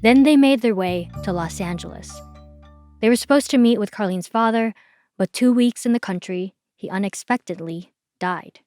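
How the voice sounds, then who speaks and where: Woman, podcast host, measured scripted narration, dry close sound, soft music under. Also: mid-range voice, dry recording. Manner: measured, explanatory.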